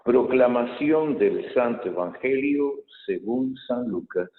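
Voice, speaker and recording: A man as a priest reading the Gospel at Mass and giving a homily in a measured way, pausing to think, with a cathedral echo around him. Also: medium pitch, expressive. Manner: measured reading, thoughtful homily with pauses and fillers. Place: large church. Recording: echoey church hall, tinny phone-like sound.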